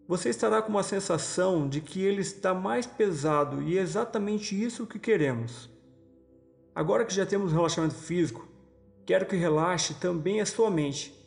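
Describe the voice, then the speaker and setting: A Brazilian man with a fairly high, creaky voice leads a guided hypnosis session in the manner of a sleep story narrator. He gives soothing, slow instructions and leaves pauses between them. Music plays behind his voice. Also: a little mellow. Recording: voice over background music.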